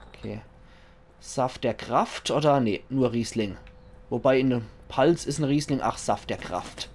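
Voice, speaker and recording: A man with a Palatinate German accent gives casual commentary on a video game. He sounds chatty and jokey and talks to himself as he plays. His voice sits at a middle pitch, with a light hiss of noise behind it. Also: vocal fry. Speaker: let's play commentator.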